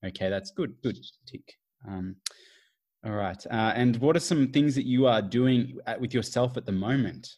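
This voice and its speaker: A man's voice: medium pitch, moderate pace, darkish tone, lightly acted. A man improvising a defensive mid-forties husband who later plays a fussy hotline caller. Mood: officious. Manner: defensive, officious. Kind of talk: improvised comedy sketch.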